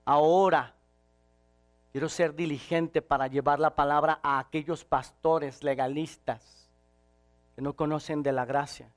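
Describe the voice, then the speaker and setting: A man preaching a sermon, swinging from shouted passages to quiet, intimate ones. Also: fairly high pitch, steady tone, a little slow.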